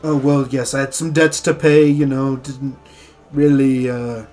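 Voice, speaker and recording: A man's voice: medium pitch, flat delivery, a little slow, a little mellow, soft background music, natural voice. A man voicing a boastful, defensive traveling storyteller in a tabletop game, rambling and hesitant as he insists on his tales. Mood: defensive, insistent.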